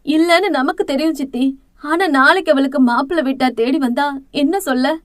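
A woman's voice: high voice, brisk, no room sound, studio quality, natural voice. A woman voicing an anxious middle-aged mother who pleads with worry in an audiobook drama. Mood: worried. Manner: worried, pleading.

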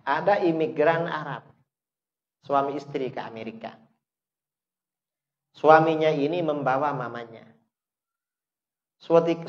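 A man preaching a sermon, asking the listeners questions and answering them himself, with emphatic bursts that rise sharply and then drop low. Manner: emphatic, rises sharply to stress points then drops low. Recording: dull lo-fi recording.

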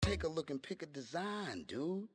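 Laid-back game tattoo artist. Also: male voice, on the high side, big pitch swings, moderate pace, husky. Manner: casual, calls customer dude and man.

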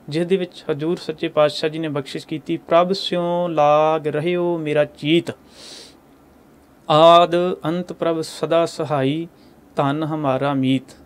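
A man with a fairly high voice speaks as a preacher, giving a measured religious discourse to a congregation. He talks earnestly and recites verses slowly, leaning on each word with careful stress. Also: a little hiss or hum. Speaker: Sikh preacher explaining scripture.

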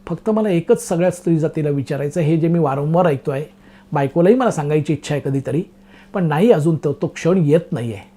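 A man's voice: on the high side, lively intonation, fairly quick, mellow. A middle-aged man delivering a comic monologue in a wry, self-mocking, chatty way, talking straight to his listeners. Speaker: comic storyteller. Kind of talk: stand-up style comic monologue.

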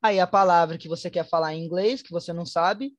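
A woman with a Brazilian Portuguese accent, teaching an online English class, switching between Portuguese and slowly spoken English examples. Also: fairly low pitch, no echo. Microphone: online class headset or computer mic.

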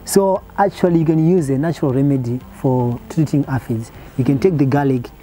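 Farm worker, earnest, very dark voice, outdoors, faint music. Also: male voice, medium pitch, fairly quick, poor audio. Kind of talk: explaining in an interview. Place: outdoors in a garden.

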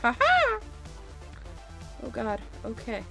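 A woman co-hosting a let's-play, yelping and swearing excitedly as she plays. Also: a little high, slow pace, gravelly, faint music behind. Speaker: co-host of a let's-play show. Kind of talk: casual game commentary.

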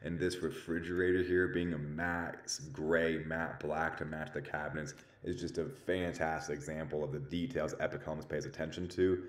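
A man's voice: extremely low pitch, little pitch movement, normal speed, hardly any pauses. A man working as a realtor, giving an enthusiastic walking tour of a new home in an upbeat, salesy way. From Denver area. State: out of breath.

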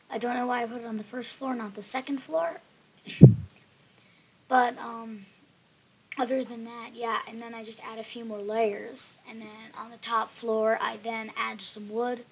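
A woman talks over her gameplay footage in a loose, rambling, apologetic way. Her voice is throaty with a gravelly fry, pitched a touch high, with a faint hiss under it. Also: rough recording. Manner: rambling, apologetic, filler-laden. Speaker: gaming channel host.

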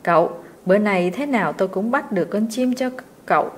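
A woman's voice: medium pitch, lively intonation, fairly quick, a little hiss or hum, natural voice. A woman voicing a poor servant boy in a storybook reading, earnest and pleading. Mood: eager.

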